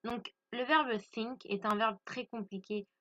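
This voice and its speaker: A woman's voice: fairly high pitch, steady tone, unhurried, bright, forceful tone, lo-fi sound. A woman from France teaching English grammar to French speakers, patiently stressing pronunciation and repeating each point.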